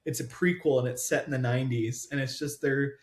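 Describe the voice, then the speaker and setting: A man chats as a podcast guest, rambling from one thought to the next and laughing easily. His voice sits at an ordinary middle pitch. It rings with a roomy echo. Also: steady tone. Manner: chatty, rambling, quick to laugh. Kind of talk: casual conversation.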